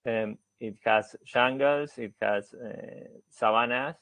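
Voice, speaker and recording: This researcher, an Argentine man whose first language is Spanish, presents a seminar slowly, stumbling through many fillers and false starts. His mid-range voice is a bit bright, with no audible room sound.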